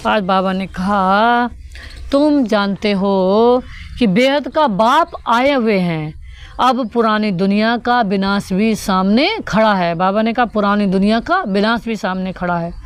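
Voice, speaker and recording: A woman's voice: medium pitch, a little slow, clean tone. A woman giving a devotional sermon that explains the daily spiritual teaching, repeating each point and putting rhetorical questions to her listeners.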